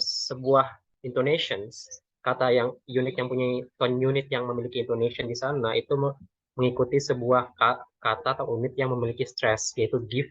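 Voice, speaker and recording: A young man with an Indonesian accent presents to his class. He hesitates and restarts his words often. The audio is dull and lo-fi, with no room echo at all. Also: mid-range voice. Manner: hesitant, many fillers and self-corrections. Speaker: student presenter. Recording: dull lo-fi dry recording.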